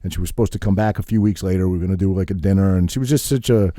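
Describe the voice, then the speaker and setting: A man's voice: deep voice, rapid-fire, mellow, no room sound, studio quality. A man in his thirties co-hosting a podcast, telling stories in a casual, profane way and laughing at himself. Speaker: podcast co-host.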